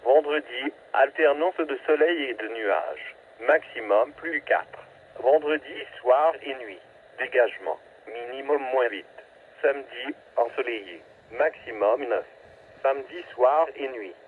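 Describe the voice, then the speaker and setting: On a staticky, narrowband weather radio, an unhurried synthetic male voice in the mid range reads scripted forecasts. Its phrasing is clipped and impersonal, carrying a radio-transmission effect.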